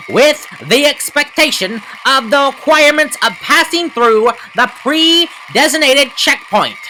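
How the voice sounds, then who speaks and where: A woman voicing a formal race official in an anime fan dub, announcing rules in a deliberate, projected manner. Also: high-pitched, pushed and bright, a little hiss or hum, heavily acted, poor audio.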